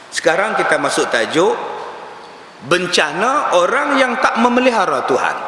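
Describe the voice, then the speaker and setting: A male preacher, giving a lively religious lecture and acting out the people in his stories. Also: sits high. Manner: animated storytelling with acted-out quotes. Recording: echoey hall with faint hiss.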